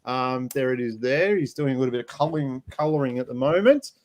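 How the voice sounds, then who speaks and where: Male stream host, casual, halting delivery, ordinary mid voice. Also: medium pitch, expressive. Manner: halting, many fillers and restarts. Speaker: livestream host. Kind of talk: casual livestream chat.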